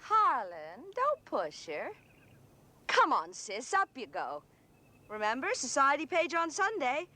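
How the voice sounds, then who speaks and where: An actress playing a breezy, bossy, teasing sister in a 1960s television drama. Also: female voice, high-pitched, wildly swooping pitch, takes it slowly, heavily acted. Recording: old TV soundtrack, loud music.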